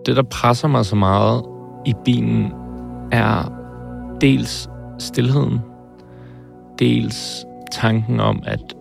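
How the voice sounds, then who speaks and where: A man in his twenties, speaking hesitantly and thoughtfully in an interview, often pausing and restarting. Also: medium pitch, steady tone, gravelly, faint music behind. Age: 20s. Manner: hesitant, pauses and restarts, searching for words. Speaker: film director interviewed about his heart surgery. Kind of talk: reflective interview.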